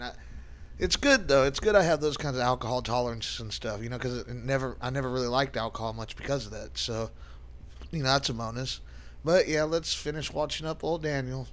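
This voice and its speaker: A man's voice: mid-range voice, fairly bright tone, a little hiss or hum. A man hosting casual reaction commentary, rambling and blunt, with sarcasm and swearing. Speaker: commentary channel host.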